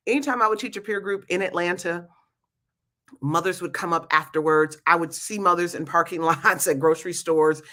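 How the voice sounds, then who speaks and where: A woman's voice: fairly low pitch, normal speed, bright, forceful tone. A woman giving an informal, candid talk, speaking emphatically with slightly slurred speech from wearing a retainer. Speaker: youth peer group leader and speaker. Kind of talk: informal talk to an audience about a program.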